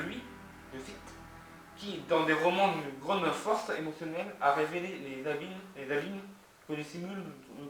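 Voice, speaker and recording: Halting French-accented man in an echoey room. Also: on the high side, fairly bright tone, recorded from a distance. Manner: many hesitations and restarts, reads out web addresses. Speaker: culture video host. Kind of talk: hesitant spoken lecture from notes. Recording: very echoey room, voice from off-mic, faint music.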